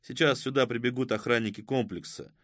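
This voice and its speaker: A man voicing a composed male former commander in an audiobook, speaking in a level, even tone. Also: mid-range voice, fairly quick, no room sound, clean studio sound, close to an everyday voice. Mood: calm. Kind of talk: audiobook character voice.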